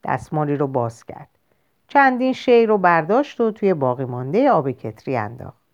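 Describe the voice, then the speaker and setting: A woman narrating a short story in a measured, expressive audiobook reading. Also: sits low. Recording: lo-fi muffled recording.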